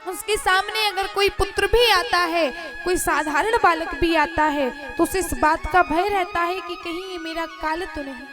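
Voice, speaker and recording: A woman's voice: very high-pitched, steady tone, unhurried, few pauses, over music. A woman storyteller giving a devotional story sermon in an emotive, dramatic way.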